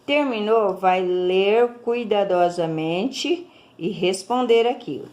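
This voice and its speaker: A woman's voice: medium pitch, slow, darkish tone. Patient Brazilian woman teaching class. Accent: Brazilian Portuguese. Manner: patient, explains step by step with many check-ins. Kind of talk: recorded class lesson.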